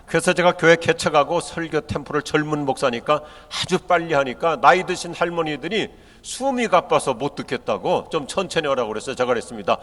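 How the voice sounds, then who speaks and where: An older man with a Chungcheong Korean accent preaches a humorous sermon to pastors in a large church hall, where a long reverb trails his words. His fairly high voice runs fairly quick with hardly any pauses. A joking storyteller, he imitates dialect and delivers quotes in lively voices.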